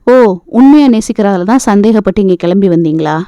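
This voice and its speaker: A woman voicing a proud, sharp-tongued young woman in an audio novel. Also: mid-range voice, animated, brisk, clear, resonant tone, no echo, lightly acted. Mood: irritated. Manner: pleading, then irritated and sarcastic. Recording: dull lo-fi dry recording.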